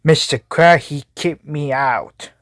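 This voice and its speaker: A performer voicing a tiny scheming villain plankton in a cartoon skit with a drawn-out, deliberate delivery. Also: mid-range voice, a bit bright, no room sound, clean studio sound. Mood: sulky, plotting.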